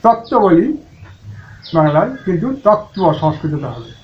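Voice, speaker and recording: A man with a Bengali accent teaching Sanskrit pronunciation, chanting mantras slowly and then explaining them plainly. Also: fairly high pitch, animated. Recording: muffled, lo-fi recording with faint noise.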